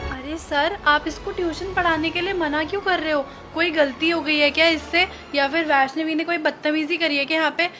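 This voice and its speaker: A woman's voice: high-pitched, fairly even intonation, fairly quick, hardly any pauses, music in the background, lightly acted. A woman acting as a snobbish mother who sneers at a poor girl, then pleads with a tutor, in a short drama skit. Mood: pleading. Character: snobbish scolding well-off mother.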